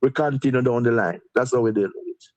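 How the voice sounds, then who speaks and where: A man's voice: medium pitch, fast talker, a little mellow, dull audio. A man with a Jamaican accent, a deputy mayor being interviewed, talking in a repetitive, rambling way and chuckling. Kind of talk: interviewed on a live stream.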